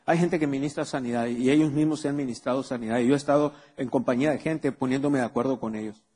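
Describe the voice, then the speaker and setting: This pastor speaks fast in a steady, mid-range voice that's darkish and husky. He's preaching to a congregation in a church hall, peppering them with rhetorical questions, and long hall reverb colors the recording.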